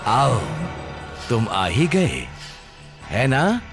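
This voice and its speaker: An actor playing a knowing old man who lives in a haunted bungalow, speaking slowly and measuredly in a dubbed film. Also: medium pitch, sing-song, over loud music, heavily acted. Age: older. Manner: slow, knowing, measured speech.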